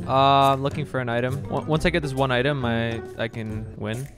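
A young man playing a game with a friend, excitable and teasing, often laughing and gasping. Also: medium pitch, brisk, soft background music. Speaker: gaming YouTuber. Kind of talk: energetic gameplay banter.

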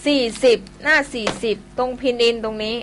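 A woman with a bright, clear voice leads a classroom language lesson. She explains slowly and patiently, going one step at a time and softening each point with polite particles. A faint hum sits under the recording. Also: a little high. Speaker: Chinese language teacher.

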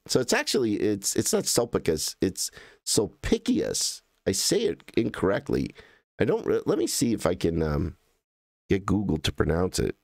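A man's voice: low-pitched, very animated, normal speed, vocal fry, darkish tone, no room sound, studio quality. An American man hosting a livestream, rambling and correcting himself as he thinks aloud while clicking through images. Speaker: livestream host. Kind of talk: casual livestream commentary.

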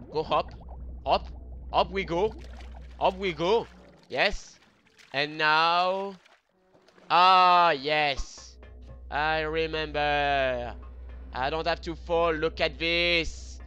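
A man's voice: a little high, bright, forceful tone, clear, resonant tone, highs cut off. A man commenting on his own gameplay as a let's play host, rambling and hesitant, talking to himself with many fillers. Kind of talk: game commentary.

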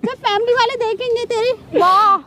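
A woman's voice: very high-pitched, fairly even intonation, normal speed, bright, forceful tone. A woman playing a greedy young girlfriend who blackmails her boyfriend for money, talking in a harsh, bossy, taunting way. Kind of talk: staged confrontation skit.

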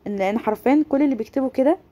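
Egyptian woman vlogging, super fast, keeps going "okay?", mellow higher voice. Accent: Egyptian Arabic. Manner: rapid, defensive, keeps asking "okay?". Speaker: gaming content creator. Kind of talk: casual vlog address to followers.

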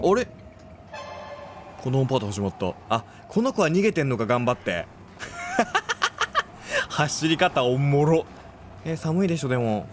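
A man casually commentating his playthrough of a horror game, chatty and quick to react with exclamations. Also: mid-range voice, noisy background.

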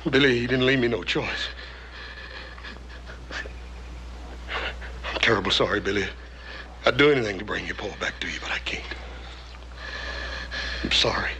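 An actor in his thirties playing a big, gentle, guilt-stricken cowboy son in a TV western, with a rural Western American accent and halting, plain-spoken speech. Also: mid-range voice, lightly acted. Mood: sorrowful, pleading. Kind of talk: TV western drama acting. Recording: noisy old television soundtrack.

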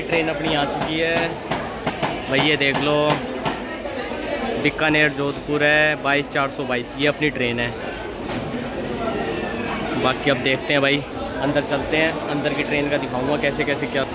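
A man in his thirties vlogging a train trip, chatting to viewers from a phone held at arm's length, on station platforms and inside the coach. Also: fairly high pitch. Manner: chatty, addresses viewers as brother. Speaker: travel vlogger. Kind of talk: casual travel vlog. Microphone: handheld phone at arm's length. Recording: loud train and station noise.

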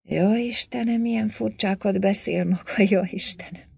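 A woman's voice: medium pitch, steady tone, gravelly, darkish tone, slightly rough, dry recording, studio quality, voice pushed up. A woman voicing a young lady in an audiobook, speaking in breathless exclamations. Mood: giggly. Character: young lady, giggly and teary-eyed from laughing. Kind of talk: audiobook character voice.

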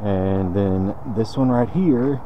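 Guy, lowish voice, chatting casually while he cleans out buckets, loud shop noise behind. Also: takes it slowly, highs cut off. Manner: laid-back, talks while working. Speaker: car detailer. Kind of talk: casual how-to demonstration. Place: detailing shop.

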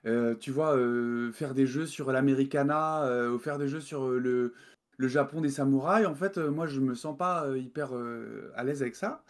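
A man's voice: medium pitch, moderate pace. A man from France, a game developer guest, talking casually in an interview over a video call, hesitant with many fillers and restarts.

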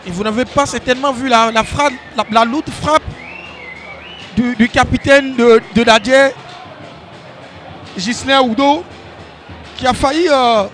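A man giving excited live football play-by-play commentary, exclamatory and repeating phrases for emphasis. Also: very high-pitched, measured pace, pauses often, soft background music.

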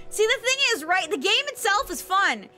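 A woman livestreamer giving excitable, exclaiming game commentary with plenty of swearing. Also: very high voice, unhurried. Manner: animated, exclaiming and squealing. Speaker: livestreamer playing a video game. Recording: game music behind the voice. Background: game music and sounds.

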